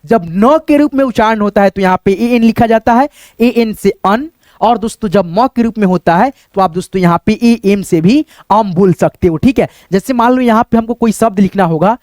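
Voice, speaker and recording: A man teaching a beginners' online lesson, addressing viewers as friends again and again and slowing down to spell sounds out. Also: high-pitched, darkish tone, no echo. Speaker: English teacher. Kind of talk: online lesson explaining letters.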